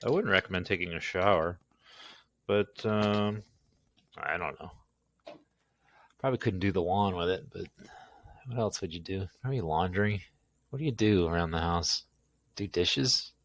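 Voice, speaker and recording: Deep-voiced and a bit bright, a man speaks at normal speed but pauses often. He's tired and hosting a product demo, rambling loosely, talking to himself during the work and making goofy jokes at his own expense.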